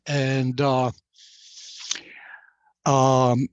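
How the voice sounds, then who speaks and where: A Slovak-accented man in his sixties, a native Slovak speaker, talks as an interview guest in a mid-pitched voice, often hesitating and restarting his sentences. The sound is dull and lo-fi, and the room is dry. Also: completely flat delivery, very slow, clean tone, no echo. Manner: hesitant, many fillers and restarts. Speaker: guest, author. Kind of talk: casual interview talk.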